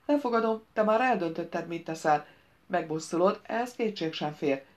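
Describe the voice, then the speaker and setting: A woman's voice: on the low side, natural voice. Woman reading as a dry witty woman, sarcastic, lecturing, audiobook character.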